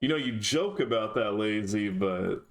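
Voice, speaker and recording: A man's voice: fairly low pitch, lively intonation, moderate pace. A man chatting casually on a live stream, talking to his chat in a dry, sarcastic way.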